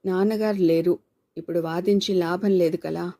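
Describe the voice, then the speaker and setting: A woman's voice: on the low side, steady tone, moderate pace, mellow. Woman reading as a stern, blunt man.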